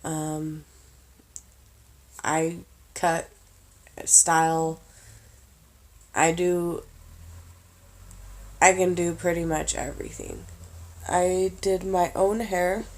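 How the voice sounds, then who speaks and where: A tired woman giving casual budgeting advice in a vlog, slow and halting with lots of pauses and fillers. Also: on the low side, fairly even intonation. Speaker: vlogger.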